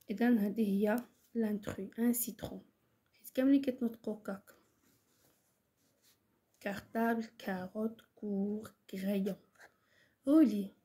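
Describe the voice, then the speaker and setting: A woman with a Moroccan Arabic accent teaching French to young pupils, explaining step by step and mixing Moroccan Arabic with French, slowing down to dictate words syllable by syllable. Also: a little high, mellow, husky. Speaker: primary school French teacher. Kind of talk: online lesson explanation.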